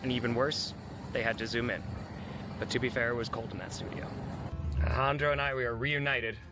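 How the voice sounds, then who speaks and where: A man's voice: mid-range voice, fairly even intonation, a little fast. A man narrating his travel vlog in a casual, joking, self-deprecating way. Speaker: vlogger recapping a fundraising tour. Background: background music.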